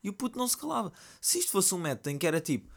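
A young man with a European Portuguese accent hosting a solo podcast late at night, telling a story in an animated, slangy, ranting way while sleepy. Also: sits high, very fast, vocal fry. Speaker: podcast host. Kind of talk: casual solo podcast monologue. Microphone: computer mic.

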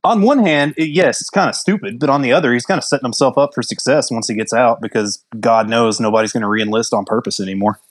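A man's voice: mid-range voice, fast, hardly any pauses. A man in his thirties, a former infantry soldier, talking bluntly and profanely in casual chat. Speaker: army infantry veteran.

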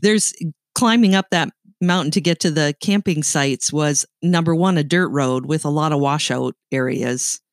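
A low-pitched middle-aged woman from Canada, lightly accented, talks at a moderate pace as a podcast co-host. In this casual chat she's a chatty storyteller who laughs often, recorded dry at studio quality.

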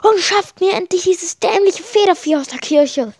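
A woman's voice: extremely high pitch, normal speed, a little mellow, no room sound, voice pushed up. A woman reading aloud and voicing a stern, scolding male village priest who thunders at the congregation. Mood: thundering.

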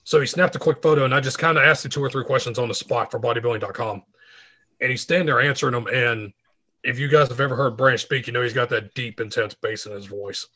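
Male guest, middle-aged, bright edge to the tone, storyteller who acts out quotes. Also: medium pitch, fast talker, slightly rough, lo-fi sound. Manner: animated anecdote teller, acts out quotes. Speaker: guest, fitness writer. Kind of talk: casual interview storytelling.

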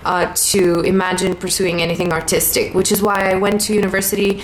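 Actress in her 30s, reflective and good-humored, mid-pitched, faint background hiss. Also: little pitch movement, fairly quick, poor audio. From Romania. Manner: thoughtful, laughs easily. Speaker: guest, theater actor. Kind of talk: casual interview chat. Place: rental apartment.

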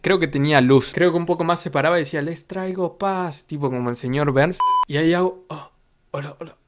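A man's voice: on the high side, quick pace. Young Argentine guy telling a story. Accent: Rioplatense Argentine. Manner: crude slang, animated retelling with acted-out quotes. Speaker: vlogger. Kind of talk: casual storytelling.

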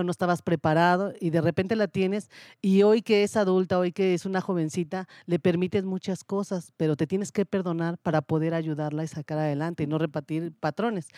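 A woman co-host on a casual faith talk show, speaking candidly and getting animated when she quotes her family. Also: lowish voice, no room sound, studio quality.

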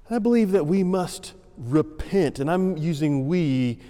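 A man preaching a sermon as senior pastor, in a measured, emphatic way. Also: on the high side, lively intonation, mellow. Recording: long reverb of a large room.

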